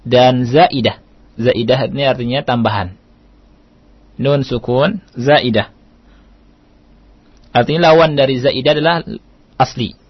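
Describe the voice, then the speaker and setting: A man from Indonesia teaches recitation rules over the radio at an unhurried, deliberate pace. He repeats his key points patiently and now and then slows into a careful chant. The broadcast sound is dry and a little muffled. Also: medium pitch, breathy edge, dry recording. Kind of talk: radio lesson.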